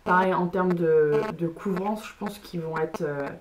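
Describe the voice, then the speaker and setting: A woman's voice: lowish voice, a little slow, noisy background. A woman beauty vlogger chatting casually through a makeup haul, hesitant and full of fillers.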